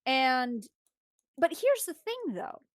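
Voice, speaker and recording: A woman streamer casually retelling a story, animated and rambling, often restarting her sentences. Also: sits high, slow pace, dry recording, clean studio sound.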